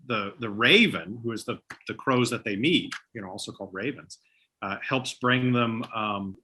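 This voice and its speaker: A man's voice: mid-range voice, pushed and bright, poor audio. A middle-aged man speaking as an interview guest, thoughtful and earnest in a casual chat about books. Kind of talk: casual reflective book chat.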